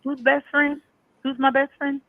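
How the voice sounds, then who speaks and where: A woman's voice: high-pitched, monotone, moderate pace. A woman calling in to a talk show over a phone line, trading playful, teasing banter with the hosts. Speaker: caller. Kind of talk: call-in chat.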